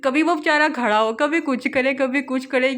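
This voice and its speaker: A young woman narrating her family outing in a relaxed vlog, chatting and laughing often as she tells it. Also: sits high, moderate pace. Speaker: vlogger, mother.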